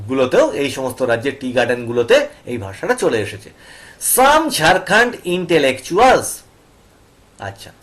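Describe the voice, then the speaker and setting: A man teaching an English reading passage, explaining it in Bengali. He reads the English slowly word by word, breaks words into syllables, and keeps asking his students if they follow. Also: on the high side, a bit bright. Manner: asks students checking questions.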